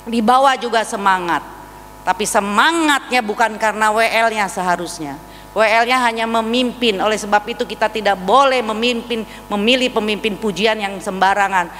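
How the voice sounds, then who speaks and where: Bright-voiced woman preaching in a hall. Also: mid-range voice, normal speed. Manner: lively preaching, acts out voices and asks the congregation. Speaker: pastor. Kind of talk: sermon. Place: church hall. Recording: reverberant church hall with faint hum.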